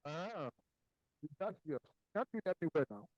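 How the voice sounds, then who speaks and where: A man asking questions as a participant on a video call. His voice sounds muffled, as if heard through a wall, and he talks haltingly and repeats himself. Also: on the high side, lively intonation, a little mellow.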